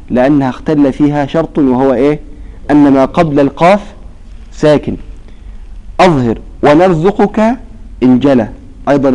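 Teacher with a mellow voice. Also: male voice, mid-range voice, muffled recording. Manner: prompts students with half-finished questions; stretches out example words slowly. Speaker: Quran recitation teacher. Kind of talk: classroom lesson on recitation rules.

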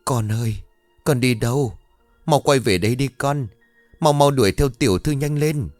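A man's voice: fairly low pitch, moderate pace, no room sound, faint music behind, natural voice. A man voicing an anxious middle-aged mother who pleads tearfully with her daughter. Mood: pleading. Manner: worried, pleading.

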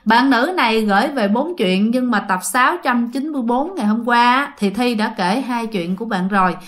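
A woman's voice: on the high side, normal speed, fairly bright tone. A woman with a Southern Vietnamese accent, a channel host telling listener ghost stories in a chatty way, speaking straight to her audience. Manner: chatty, addresses listeners directly. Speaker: storyteller host. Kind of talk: ghost story narration.

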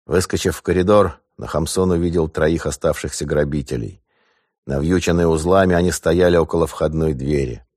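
A male audiobook narrator with a very deep voice, reading in a steady, measured way. The recording is dry and close to the mic. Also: no echo. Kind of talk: scripted narration.

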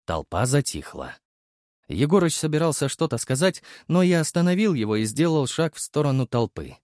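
A man narrating an audiobook in first person with lively storytelling. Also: a little high, normal speed, dry recording, studio quality.

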